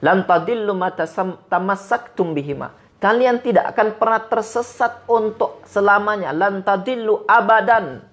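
A man from Medan giving an Islamic sermon, quoting Arabic verses and telling stories with lively, rising and falling emphasis. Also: high voice, moderate pace. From Medan, Indonesia. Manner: animated preaching, quotes Arabic verses and retells stories. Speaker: Islamic preacher.

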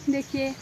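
A young woman vlogging outdoors in a village, chatting to viewers and coaxing shy children to speak, recorded on a handheld phone. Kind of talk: casual vlog narration. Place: outdoors in a village among trees. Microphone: phone held by the vlogger. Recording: outdoor phone audio with clear wind and birds. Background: wind, birds and animals.

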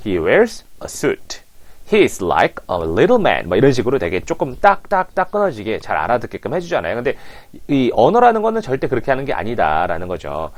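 A man teaching English as a coach, animatedly prompting listeners to repeat phrases, on a lapel mic. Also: mid-range voice. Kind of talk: language lesson.

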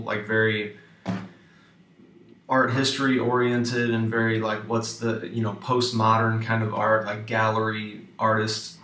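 A male podcast host chatting easily with his guest, his voice in a middle range. He sits back from the mic, so the sound is distant and roomy. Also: mid-range voice. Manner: relaxed and chatty, many likes. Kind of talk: casual interview chat.

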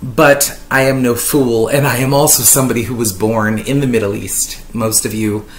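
A Lebanese woman in her thirties chats to her webcam from a living-room sofa for a casual commentary vlog, wordy and full of fillers with a dry, ironic edge. Her voice is rumbling and low, with fairly even intonation at a normal pace. The webcam sits at desk distance, the room echoes, and there's slight background noise.

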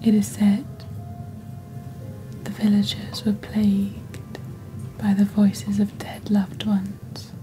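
Hushed and eerie, a woman ASMR host whispers very slowly as a witch, softly acting a composed, creepy seller of cursed goods in a scripted shopping-channel roleplay. Her mid-range voice is monotone and near everyday speech, deliberate like quiet storytelling, captured on a close desk studio mic over soft background music.

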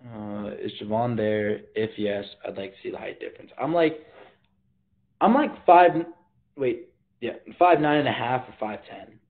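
A teenage livestream host speaks at normal speed in a lowish voice from his bedroom. Casual and slangy, he reads comments from viewers aloud. The phone filming him at arm's length gives the sound a tinny quality.

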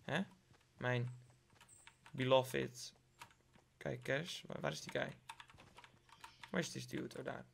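A man's voice: mid-range voice, fairly even intonation, slow pace, vocal fry, pauses often, fairly bright tone, slight background noise. A young man from the Netherlands with a Dutch accent, giving playful live gameplay commentary, joking with his viewers and dropping English slang. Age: young adult. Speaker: gaming YouTuber.

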